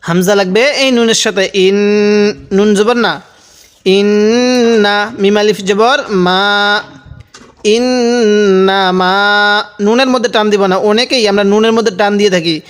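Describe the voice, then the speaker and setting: A male Quran teacher slowly spelling out letters and vowels, then chanting each joined word, and patiently pointing out common reading mistakes. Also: sits high, steady tone. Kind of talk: slow spelled-out recitation lesson.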